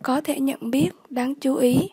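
A woman English tutor, slowly repeating vocabulary words and giving the word class, the stressed syllable and the meaning of each. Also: high voice, fairly even intonation, warm tone, dry recording. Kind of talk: vocabulary lesson.

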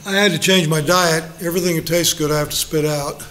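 A man's voice: on the high side, fairly even intonation, fast talker, pushed and bright. A middle-aged male pastor leading a Bible study, folksy and joking, acting out little quotes.

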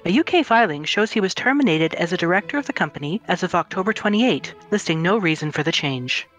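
A woman's voice: fairly low pitch, animated, fast, faint music behind. A woman on a podcast panel reading a news article aloud in a put-on newscaster voice.

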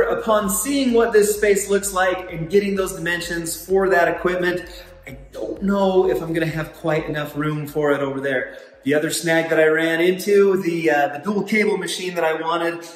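A man in his thirties, a physical therapist hosting a casual home-renovation vlog, talking upbeat and enthusiastic to his viewers from an unfinished basement on a handheld camera. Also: high voice. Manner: upbeat and enthusiastic, keeps addressing the viewers as "you guys". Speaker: physical therapist and fitness channel host. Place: unfinished basement under construction, indoors. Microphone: camera mic, often handheld at arm's length. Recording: echoey bare room with faint background music.

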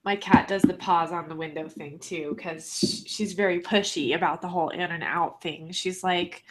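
A woman's voice: on the low side, steady tone, normal speed, slight background noise. A woman in a casual chat who laughs often and swears casually while telling stories. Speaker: co-host of a group chat.

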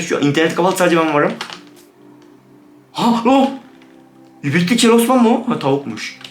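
Guy yelling and swearing through a horror game, kinda high voice, roomy echo, faint music behind. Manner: jumpy, swearing, talks to viewers. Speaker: gaming YouTuber. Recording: roomy room with background music.

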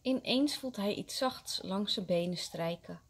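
A kindergarten teacher, a woman, reading a story aloud to young children with expressive, gentle storytelling. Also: medium pitch, unhurried, breathy edge.

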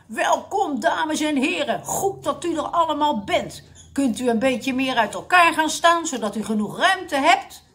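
A woman voicing a loud, bossy male fitness leader who barks commands through a megaphone. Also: high-pitched, lively intonation, unhurried, voice pushed up, full character voice.

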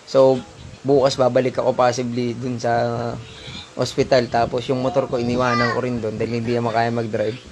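A delivery rider tells viewers what happened to him in a casual, emphatic first-person story, calling them sir and bro. His mid-range voice stays monotone and moves at a normal speed.

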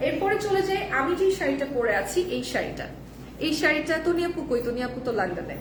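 A hoarse woman hosting a live stream to sell sarees, chatting with viewers and mixing English into her talk. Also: high voice, sing-song, brisk, reverberant, distant mic, noisy background. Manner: chatty, reads viewer comments, mixes in English. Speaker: live-sale host.

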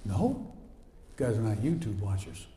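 Animated preacher in an echoey church. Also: male voice, on the low side, normal speed, a little hiss or hum. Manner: animated storytelling with sound effects. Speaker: pastor. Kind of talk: sermon. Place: church sanctuary.

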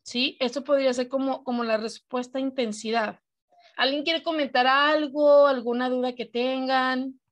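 A woman's voice: high-pitched, steady tone, normal speed. A woman teacher with a Mexican accent giving an online class over a video call, explaining patiently and often asking her students questions.

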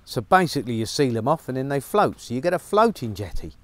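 Recorded on a lapel mic with no room sound, this middle-aged man's mid-range voice swings widely in pitch at a quick pace. He narrates a casual vlog to camera while working outdoors on a rainy rural farm, upbeat, chatty and full of fillers.

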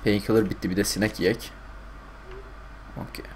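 A young man commentating a game stream live, getting loud and swearing at the game. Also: on the low side, moderate pace, slight background noise. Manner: excitable, swears, yells at the game. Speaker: gaming streamer.

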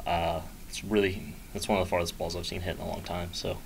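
A man's voice: deep voice, level tone, fast talker, gravelly, slight background noise, low-quality recording. A young man, a college baseball player, giving easygoing, brief answers at a postgame press conference. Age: young adult. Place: small press room in front of a sponsor backdrop.

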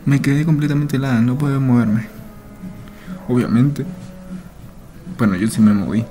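A man with a mellow, dark tone reads a horror story aloud. He is jittery and joking, and he keeps sinking into hushed whispers. Soft music plays faintly behind him. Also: medium pitch, steady tone, moderate pace. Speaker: channel host. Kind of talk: reading a horror story aloud with nervous reactions.

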